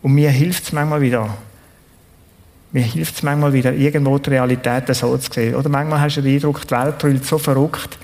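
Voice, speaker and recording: A man with a Swiss German accent preaching a sermon in an earnest, conversational way, often checking in with a quick tag question. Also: mid-range voice, fairly even intonation, a little mellow.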